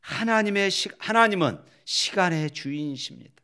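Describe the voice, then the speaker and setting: Korean pastor preaching, rising emphatic delivery. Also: male voice, high-pitched, animated, moderate pace. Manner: builds from quiet reading to rising, emphatic exhortation. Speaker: senior pastor. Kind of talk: sermon. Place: church sanctuary.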